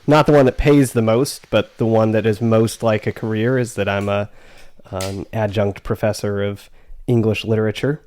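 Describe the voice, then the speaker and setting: A man's voice: on the low side, fairly even intonation, normal speed, a little mellow, clean tone. A middle-aged man, an interview guest, telling anecdotes and answering in a casual conversational style. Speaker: guest, adjunct English literature professor.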